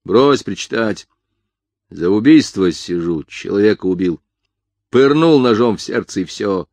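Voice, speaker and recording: A man voicing a sullen, rough young male prisoner who talks curtly and coarsely. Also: deep voice, a little mellow, dry recording. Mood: harsh. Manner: coarse, curt, drawn-out.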